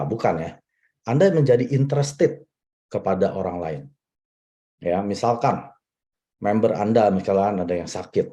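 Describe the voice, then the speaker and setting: A man who is a network marketing leader, giving a motivational talk in a lively, repetitive way and speaking straight to his listeners. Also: mid-range voice.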